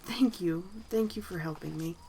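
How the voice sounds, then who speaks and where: A woman voicing a shy little kitsune girl who speaks softly, stammering and near tears. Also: fairly high pitch, expressive, measured pace, a little hiss or hum, voice pushed up, rough recording. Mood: shy, tearful. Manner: soft, whimpering, stammering.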